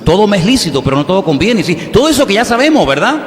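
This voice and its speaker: A male pastor preaches with a fairly high voice, telling jokey little dialogues to his congregation. His voice rings with a long echo, as it would in a big church hall. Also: very animated, very fast. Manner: humorous, conversational preaching with acted-out dialogues. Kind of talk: sermon. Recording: echoey hall.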